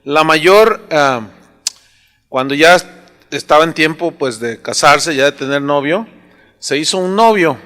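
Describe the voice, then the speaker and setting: A man's voice: on the high side, animated, unhurried, fairly bright tone, big-room sound. A male pastor with a Mexican accent preaching a sermon, reading verses and telling stories in an earnest way. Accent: Mexican Spanish.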